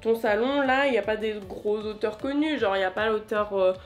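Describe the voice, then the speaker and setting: Une femme imitant un ami, un jeune homme fan de livres, qui supplie en se répétant. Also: male voice, high voice, brisk, faint music behind, lightly acted. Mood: doubtful. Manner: begging, repeating himself. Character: young male friend, excited book fan.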